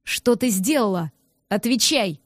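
A woman voicing a rough, angry young male neighbor who growls and barks commands in an audiobook. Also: mid-range voice, animated, measured pace, no echo, studio quality, voice pushed down. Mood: furious.

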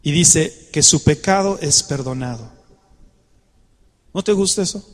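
A man preaching a sermon, animated and conversational, coaxing the congregation to join in. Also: a little high, unhurried, in a large hall.

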